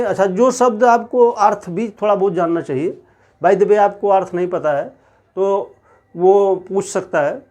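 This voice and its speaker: A male teacher with a notably high voice leads an exam-preparation lesson. He explains point by point in a steady way and speaks directly to the viewers. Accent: Hindi. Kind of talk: exam-prep lecture.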